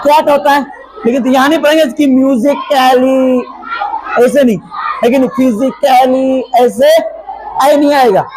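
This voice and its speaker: A man teaching an English class, speaking loudly and repetitively, spelling words out letter by letter and often asking whether the students understood. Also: very high voice. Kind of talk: classroom lesson. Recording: noisy classroom with chattering students.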